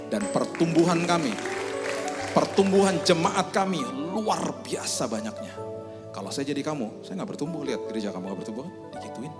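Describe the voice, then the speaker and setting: A man preaching a sermon as pastor, telling stories and acting out the people in them with his voice rising and falling. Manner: storytelling, acts out quoted voices with big pitch leaps. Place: church hall. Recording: church hall reverb with faint music.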